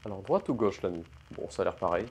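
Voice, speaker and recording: A man's voice: low-pitched, animated, quick pace, darkish tone, a little hiss or hum. A man playing a horror game in let's play commentary, talking in a pompous mock-aristocratic manner with old-fashioned wording and jokey asides to viewers. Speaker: gaming YouTuber.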